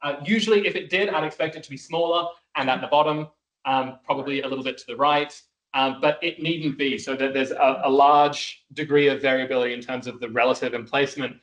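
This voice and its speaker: A man's voice: medium pitch, steady tone, fairly quick, fairly bright tone, low-quality recording. A man from Wales answering questions after an academic talk, with many fillers and restarts. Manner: hesitant, many fillers and restarts, laughs easily. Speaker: conference speaker.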